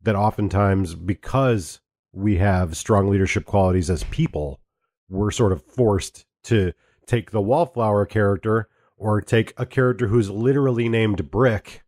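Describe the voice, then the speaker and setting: A man's voice: on the low side, unhurried, darkish tone, no echo, studio quality. A man co-hosting a casual podcast, rambling with fillers and restarts. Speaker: podcast co-host.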